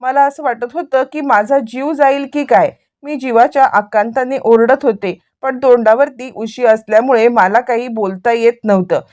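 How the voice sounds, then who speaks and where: A frightened mother, out of breath and shaken as she speaks urgently, voiced by a woman narrator. The voice sits fairly high, near the teller's own. It is barely disguised, carried mostly by the fear in the words. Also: normal speed, few pauses, a little mellow, natural voice.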